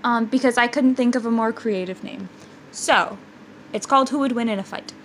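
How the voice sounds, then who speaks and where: A woman's voice: on the high side, slight background noise, poor audio. A woman co-hosting a podcast in casual, teasing banter. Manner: teasing, playful, quick banter. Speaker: podcast co-host. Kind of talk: casual chat.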